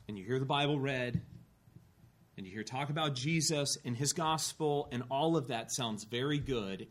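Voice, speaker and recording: Man preaching an earnest sermon. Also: mid-range voice. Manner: earnest storytelling with rising emphasis and dry asides. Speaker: pastor. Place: church.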